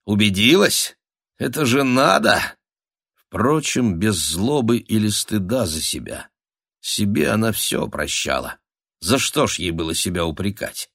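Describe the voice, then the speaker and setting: Male narrator, low voice, lively dramatic delivery, dry close sound. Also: a little slow, breathy edge, dry recording. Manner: expressive, dramatic storytelling. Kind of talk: scripted audiobook narration.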